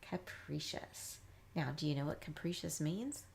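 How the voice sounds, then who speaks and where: A woman reading teacher giving a live phonics lesson, chatty and upbeat, slowly sounding words out piece by piece. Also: deep voice, slight background noise. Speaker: reading teacher, academy founder.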